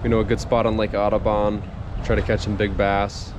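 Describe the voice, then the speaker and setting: A man's voice: on the low side, completely flat delivery, brisk. A young man in his twenties hosting a casual fishing vlog, talking upbeat and playful into a camera held at arm's length, first from a car and then inside an ice-fishing tent on a frozen lake. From North Dakota, USA. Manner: upbeat, playful, stutters words for fun. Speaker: fishing channel host. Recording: noisy outdoor camera audio.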